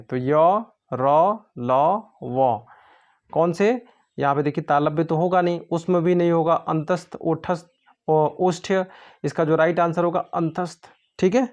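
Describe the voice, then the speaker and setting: A man's voice: fairly high pitch, lo-fi sound. A man tutoring for an exam, going through quiz answers step by step in a patient way. He asks his own questions and then answers them.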